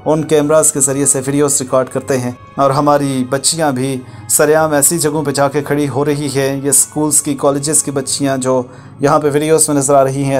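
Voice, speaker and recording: A man's voice: mid-range voice, a little mellow. A man narrating a voice-over commentary in a preachy, lecturing tone, using formal religious phrasing. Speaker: channel host narrating a viral video.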